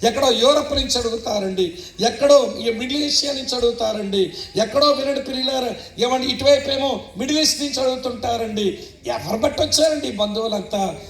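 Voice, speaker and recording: A man's voice: very high voice, brisk, fairly bright tone, a little hiss or hum. A man preaching a testimony sermon as a pastor, telling his story with emphatic, storytelling delivery. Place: church meeting stage. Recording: roomy echoing hall.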